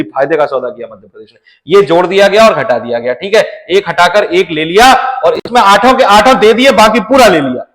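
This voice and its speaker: A middle-aged male teacher gives a classroom lecture in a somewhat high voice. He talks in a chatty way, runs through lists again and again, and keeps asking the class questions. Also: a bit bright, rough recording.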